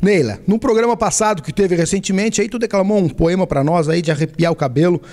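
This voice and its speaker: A man's voice: sits high, fast talker, darkish tone. A middle-aged man with a southern Brazilian gaúcho accent, hosting a TV show and chatting with a guest. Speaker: TV show host. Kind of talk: conversational interviewing. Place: small indoor TV studio. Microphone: handheld microphone.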